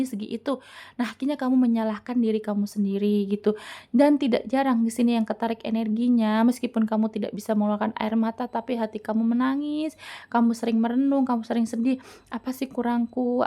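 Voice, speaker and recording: A woman's voice: on the high side, mellow. A woman giving a casual tarot reading, chatty and full of fillers and restarts as she talks to her viewers like friends. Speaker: tarot reader.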